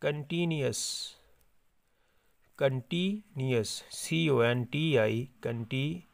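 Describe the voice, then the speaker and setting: A man teaching an English spelling lesson, slowly repeating each word and spelling it letter by letter. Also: medium pitch, creaky, no echo. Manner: slow, repetitive dictation, repeating each word several times.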